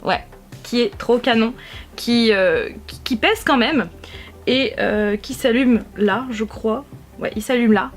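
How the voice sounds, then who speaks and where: Young female vlogger, higher voice, gushing fan energy, restarts a lot, home recording. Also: slow pace, faint music behind. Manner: enthusiastic, gushing, many restarts. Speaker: YouTube vlogger. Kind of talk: casual haul video chat. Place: warm room at home with a fan running. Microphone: camera-mounted shotgun mic.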